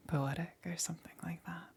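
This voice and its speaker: This woman plays a demon queen for ASMR, smug and teasing, whispering breathily with a seductive, taunting threat. Her pitch is lowish, and slight background noise can be heard. Her pace is slow and mocking, dotted with quiet chuckles.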